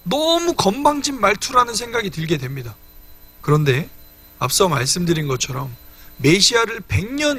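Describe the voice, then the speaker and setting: A young male evangelist preaches a midweek sermon, earnestly teaching from scripture and speaking directly to the congregation. His high, bright voice has a husky edge, and his pitch swings up and down with animation.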